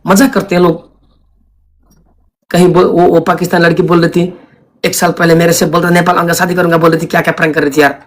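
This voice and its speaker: A man's voice: on the high side, level tone, fast talker, long pauses. A man teasing and joking on a live stream, mixing in English phrases.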